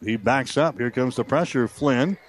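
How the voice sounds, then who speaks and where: Man calling football over clear outdoor noise. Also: mid-range voice, normal speed. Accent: American. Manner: clipped running description of play. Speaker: play-by-play sports announcer. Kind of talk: live American football radio commentary.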